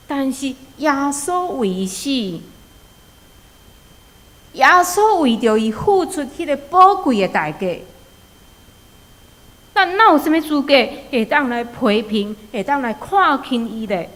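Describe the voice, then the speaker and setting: Speaking slowly and animatedly, with frequent pauses, a woman preacher with a Taiwanese accent delivers her sermon in a fairly high, fairly bright voice. She moves from storytelling to exhortation and back, posing many rhetorical questions, while a hall's long reverberation trails her words.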